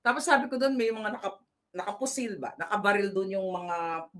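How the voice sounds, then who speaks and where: A woman's voice: medium pitch, lively intonation, moderate pace, fairly bright tone. A woman vlogger telling a long story in a casual, rambling way, with many fillers and restarts and laughs at her own tale. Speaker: political vlogger.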